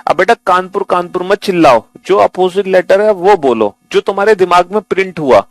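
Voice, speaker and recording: Male teacher, fairly high voice, dry close sound, coaxing and repetitive classroom delivery. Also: fairly quick, no echo, soft background music, rough recording. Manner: coaxing, repeats himself, calls students beta. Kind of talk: classroom lesson.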